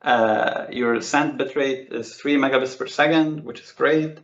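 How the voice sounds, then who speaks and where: A man's voice: medium pitch, steady tone, unhurried. A man on a video call walking through technical call metrics in a casual, enthusiastic way, repeating words and often calling things amazing. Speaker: Microsoft Teams expert guest. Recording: roomy, dull lo-fi call audio.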